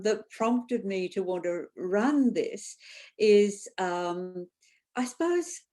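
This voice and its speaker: A woman facilitator presenting an online workshop in a conversational way, pausing often with ums and restarting phrases. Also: lowish voice, dark tone. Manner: thoughtful, frequent ums and restarts. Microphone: video call.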